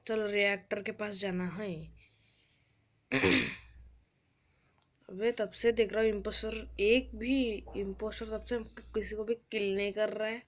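A woman's voice: medium pitch, steady tone, measured pace, long pauses. A woman giving casual, chatty commentary while playing a video game, whining and pleading in fun. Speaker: gamer.

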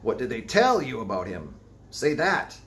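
A man's voice: mid-range voice, wildly swooping pitch, normal speed, a bit bright. A man voicing a ragged, wild-eyed old sailor who talks in cryptic, insistent old seafaring dialect. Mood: ominous.

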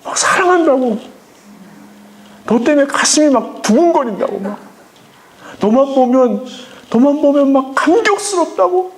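A pastor lecturing parents in an animated, emphatic way, acting out voices as he speaks to a live audience. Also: very high-pitched, moderate pace, pauses often. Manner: emphatic, acts out quoted voices, often says "막".

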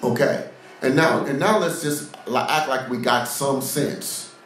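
A man's voice: medium pitch, measured pace, fairly bright tone, far from the mic, slight background noise. A man preaching a sermon-style podcast, reading scripture and breaking off into sarcastic, mocking asides. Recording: very echoey room, voice off-mic.

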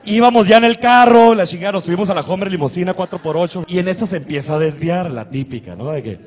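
A man's voice: sits high, fast. A man with a Sinaloan Mexican accent doing crude, exaggerated stand-up comedy in a campy female persona on a club stage. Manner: crude, exaggerated, shrieking quotes. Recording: reverberant live venue.

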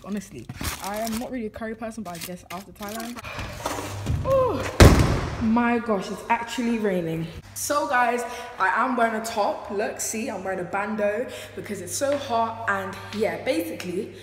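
A woman's voice: medium pitch, moderate pace. Chatty teenage girl vlogging. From United Kingdom. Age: teens. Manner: chatty, excitable, giggly. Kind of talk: casual travel vlog chat. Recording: loud background noise.

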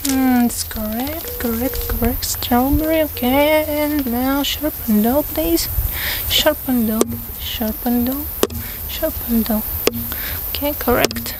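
Young woman, soft ASMR role-play, noisy outdoors. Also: high-pitched, slow. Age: young adult. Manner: repeats short words and phrases. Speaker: ASMR creator playing an examiner. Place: outdoors in a grassy field with trees. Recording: outdoor ambient noise with birdsong.

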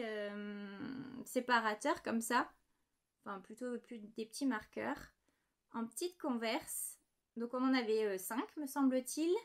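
A woman in her thirties hosting a casual knitting podcast from her home desk, chatty and a little apologetic as she shows small items. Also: a little high. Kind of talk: casual show-and-tell chat.

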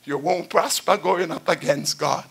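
An older man preaching at a church pulpit, chanting and shouting in a sing-song call-and-response style. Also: on the high side, a little slow, gravelly, husky. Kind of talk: chanted Pentecostal sermon. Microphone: pulpit stand mic.

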